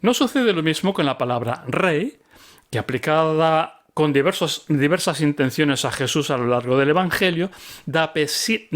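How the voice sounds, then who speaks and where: A man who teaches the Bible, reading his book aloud with commentary, expressive and with occasional slips. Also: a little high, moderate pace.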